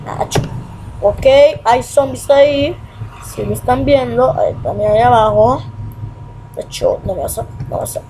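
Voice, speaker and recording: A young man with a Peruvian accent giving excitable gameplay commentary, muttering repeated words and swearing as he plays. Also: very high-pitched, a little slow, a little hiss or hum, poor audio. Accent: Peruvian Spanish. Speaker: gamer.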